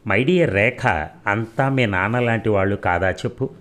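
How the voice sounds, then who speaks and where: A man voicing a vengeful young hero who taunts his enemy calmly. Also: fairly low pitch, unhurried. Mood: taunting. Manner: mocking, coldly calm.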